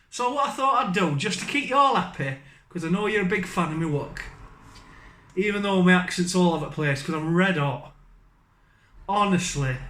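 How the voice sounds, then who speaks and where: Northern English bloke, gaming YouTuber, blunt and self-mocking, high voice, ranting in a roomy space. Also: male voice, a bit bright. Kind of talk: rambling comic rant to camera.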